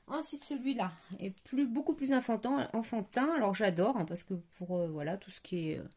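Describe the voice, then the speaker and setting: A woman chatting casually as she shows craft stamps on camera, hesitant, often pausing to search for words. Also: medium pitch, animated, mellow, slightly rough. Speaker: crafting vlogger. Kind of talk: casual product show-and-tell.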